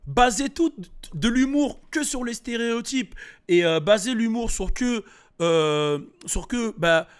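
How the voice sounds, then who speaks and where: A man's voice: very high-pitched, expressive, a little slow, clear, resonant tone. A man of Antillean background giving a casual spoken commentary, thinking aloud with many fillers and restarts. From French Antilles. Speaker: host. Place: United States.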